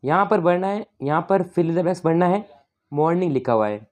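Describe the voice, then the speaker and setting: A woman teacher with a Rajasthani Hindi accent explaining an exam paper step by step, calling the viewers "friends" and reading the English questions slowly. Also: fairly low pitch, animated, darkish tone. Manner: explanatory, repeats "dosto", slow English readings. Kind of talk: exam paper walkthrough lesson.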